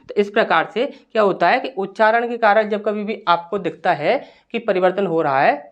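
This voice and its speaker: A man's voice: sits high, lo-fi sound. A man teaching a Hindi grammar lesson, explaining step by step and asking the class rhetorical questions before answering them.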